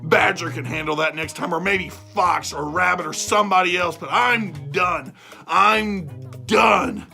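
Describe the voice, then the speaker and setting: In a children's storybook tale, a storyteller takes the part of an aggrieved big bad wolf telling his side, insisting he meant well with exasperated repetition. His medium-pitched, gravelly voice is bright, forceful and expressive, a little slow, with music playing along. It's animated first-person storytelling.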